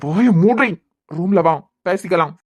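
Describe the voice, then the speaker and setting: A voice actor playing a young husband in a cartoon serial, with a Kanyakumari Tamil accent, pleading and trying to calm his wife. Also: mid-range voice, unhurried. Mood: soothing, insistent. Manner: pleading, soothing, insistent.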